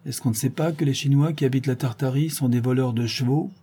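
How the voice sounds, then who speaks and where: A man's voice: mid-range voice, quick pace, dark tone, slightly rough, lightly acted. A man voicing a gloomy, alarmed young camel-driver in a read-aloud travel story.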